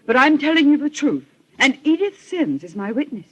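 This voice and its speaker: An actress in a 1940s radio melodrama plays a poised society woman making accusations, formal, emphatic, insistent and very animated. Her voice is high-pitched and her pace moderate, heard through a muffled old radio recording.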